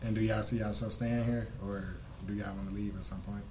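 A man's voice: fairly low pitch, level tone, a little fast, mellow. Agreeable man asking friends questions. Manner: agreeable, full of backchannels. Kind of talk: casual group chat. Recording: faint background noise.

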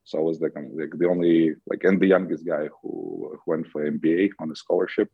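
A man's voice: low-pitched, level tone, fast talker, creaky, husky, no echo, narrow, tinny audio. A man in his thirties from Ukraine, with a Ukrainian accent, talking about his career as a podcast guest, rambling with many fillers and restarts. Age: 30s. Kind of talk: podcast interview.

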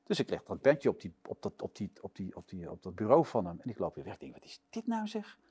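A man tells a story at a quick clip, his voice jumping up whenever he acts out someone shouting. He sits as the guest in an interview and keeps the tale rolling. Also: sits low, breathy edge. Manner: lively storyteller acting out shouted quotes. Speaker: interview guest, sports presenter. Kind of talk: animated anecdote telling.

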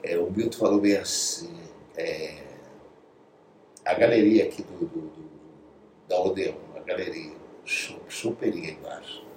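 A man's voice: sits low, measured pace, long pauses. A Brazilian man telling studio anecdotes in a casual interview, acting out quotes and dropping to whispers. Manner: animated storyteller, acts out quotes, drops to whispers. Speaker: guest. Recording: echoey room, distant mic, faint noise.

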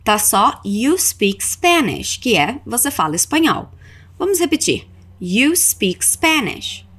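This Brazilian-accented podcast host takes her scripted language lesson slowly, in a slightly high, fairly bright voice that's a little rough. She's very animated and instructive, pronouncing example phrases carefully for listeners to repeat in drills.

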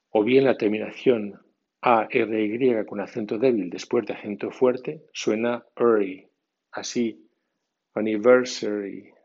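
A man teaching English pronunciation in a scripted podcast lesson, reading rules and word lists slowly and deliberately. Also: lowish voice, gravelly, darkish tone, slightly rough, highs cut off.

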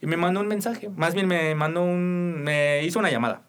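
A man's voice: fairly high pitch, fairly quick, clean tone. A young man with a Mexican accent, co-hosting a casual podcast chat and telling a rambling story full of fillers. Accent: Mexican Spanish. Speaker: radio podcast co-host.

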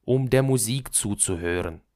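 A man reading an audiobook who voices a pert, impatient young woman in a quick, emphatic manner. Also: on the low side, darkish tone, close to an everyday voice. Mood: chirpy, pushy. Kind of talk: audiobook character voice.

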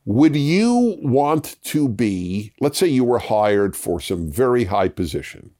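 A man hosts a relaxed chat straight to his audience. His pitch swoops around animatedly as he talks. He keeps restarting and repeating words as he wanders off on asides. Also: slow. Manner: laughs at himself while explaining. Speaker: host. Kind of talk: casual chat with viewers.

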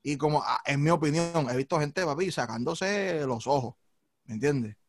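A man's voice: a little high, normal speed. A man hosting a casual podcast, rambling and jokey, often asking if you follow him. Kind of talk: casual chat.

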